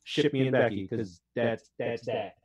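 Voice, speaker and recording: A man hosting a casual gaming podcast, excitable and rambling, laughing between his words. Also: mid-range voice, moderate pace, lo-fi sound, a little hiss or hum. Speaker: podcast host. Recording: roomy echo.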